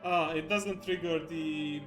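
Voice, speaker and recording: A man giving casual, halting gameplay commentary as he recaps a game's story. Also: on the high side, steady tone, over music. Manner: halting, unhurried. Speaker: game streamer giving a lore recap.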